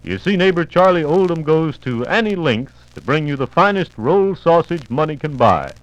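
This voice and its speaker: A man's voice: on the high side, big pitch swings, normal speed, no echo, rough recording. A man announcing a 1950s radio commercial in a folksy, jokey way, on an old disc recording.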